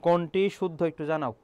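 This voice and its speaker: A middle-aged man with a Bangladeshi Bengali accent, a senior teacher running an online admission-prep class. He explains step by step, often quizzes his students and keeps clearing his throat. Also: sits high, normal speed, darkish tone, no echo.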